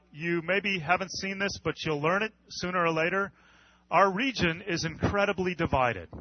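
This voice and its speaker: A male pastor from the United States preaching an earnest sermon, with measured pauses and repetition. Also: a little high, no room sound, dull audio.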